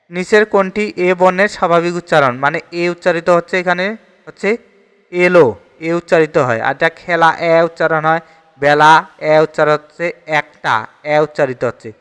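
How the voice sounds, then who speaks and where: A man's voice: sits high, a bit bright, clear, resonant tone, big-room sound. A man with a Bangladeshi Bengali accent teaching an exam-prep grammar lesson, steadily reading each question and repeating the answer.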